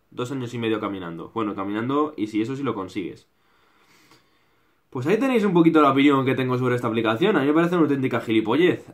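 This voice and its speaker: A young man with a Spain Spanish accent, ranting to camera in his bedroom in a blunt, mocking vlog style full of swearing. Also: mid-range voice. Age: young adult. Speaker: YouTuber. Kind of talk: casual critical rant to camera. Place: small bedroom indoors.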